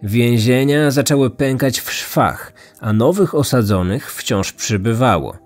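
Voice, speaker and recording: A man in his thirties with a mid-range voice reads scripted true-crime narration at a measured pace as a podcast host, with background music playing beneath his voice.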